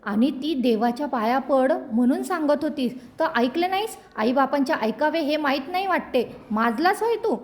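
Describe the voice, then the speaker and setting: A woman voicing a village father who scolds his son loudly in a raised voice. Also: high-pitched, lively intonation, moderate pace, hardly any pauses, voice pushed up. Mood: angry. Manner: raised, scolding, later softening. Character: angry, then gentle village father.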